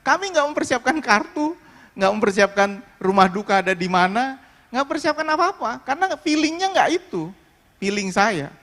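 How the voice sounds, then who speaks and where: A man preaching with a high, light voice that rings through a church hall with a long echo. He tells his story in a conversational, deeply felt way and often turns to the congregation. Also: very animated, normal speed, a bit bright. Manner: emotional, conversational storytelling, addressing the congregation directly. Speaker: pastor. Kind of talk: sermon with personal testimony. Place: worship hall.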